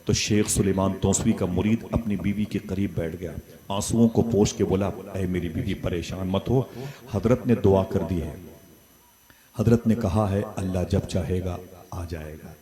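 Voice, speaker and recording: A man preaching a sermon, telling a story with rising passion and bursts of loud dialogue. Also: low-pitched, unhurried. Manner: impassioned, swells loud on dialogue. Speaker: Islamic preacher. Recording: live crowd gathering. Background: audience murmuring responses.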